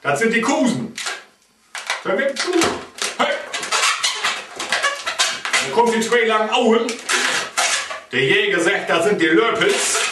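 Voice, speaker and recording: A man's voice: high voice, lively intonation, slow, long pauses, very noisy. A man with an East Frisian accent telling a playful comic story, chuckling as he goes. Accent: East Frisian German. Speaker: comedian. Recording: echoey room, mic at a distance.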